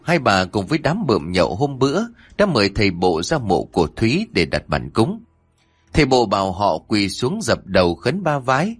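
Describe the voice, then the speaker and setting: A man telling a scripted horror story in a lively, dramatic way. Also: mid-range voice, husky, no echo.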